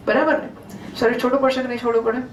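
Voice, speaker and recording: A woman's voice: fairly high pitch, level tone, rapid-fire, a little hiss or hum. A woman giving a devotional scripture discourse in a conversational way, often asking the audience questions. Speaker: religious storyteller. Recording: roomy hall, distant mic, faint ambience.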